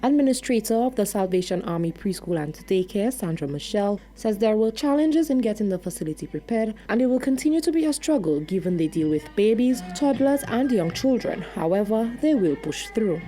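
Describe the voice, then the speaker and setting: A woman's voice: medium pitch, lively intonation, brisk, hardly any pauses, warm tone. A woman reporter reading a scripted news report.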